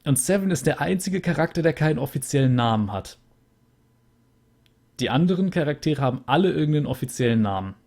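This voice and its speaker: A young man with a rather high, animated, gravelly and slightly mellow voice talks briskly as he closes out a let's play. Chatty and rambling, he uses many fillers, and he records at home with a USB studio mic.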